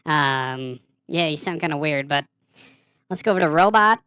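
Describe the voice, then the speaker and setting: A man demonstrating a product while his voice runs through a pitched-up chipmunk voice changer, talking casually with hesitant fillers. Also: expressive, normal speed, bright, forceful tone, clean tone. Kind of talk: product demo.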